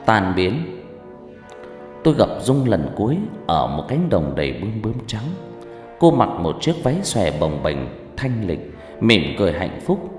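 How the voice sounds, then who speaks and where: Male audiobook narrator, animated dramatic read, long reverb, faint music bed. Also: fairly low pitch. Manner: lively, dramatic storytelling. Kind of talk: scripted horror story narration. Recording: echoey hall with faint background music.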